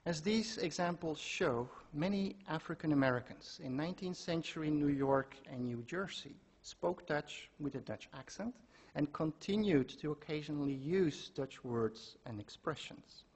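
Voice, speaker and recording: A man giving a measured academic lecture, reading out quotations from his sources. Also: fairly high pitch, animated, darkish tone, breathy edge. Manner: measured, quoting sources aloud. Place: lecture hall.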